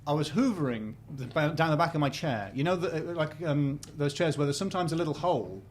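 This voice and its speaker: A man's voice: on the high side, lively intonation, quick pace, a little hiss or hum. A young man from County Durham, a comedian telling rambling, self-deprecating stories in a live interview before an audience. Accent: light northeast English. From County Durham, England. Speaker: comedian guest. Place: small venue with live audience.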